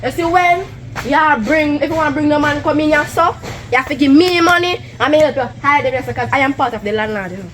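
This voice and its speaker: A woman's voice: high voice, fast, a bit bright, slight background noise. A woman with a Jamaican accent playing a brash, quarrelsome, bossy tenant in a comedy drama, speaking confrontational patois. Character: brash, quarrelsome female tenant who bosses everyone around.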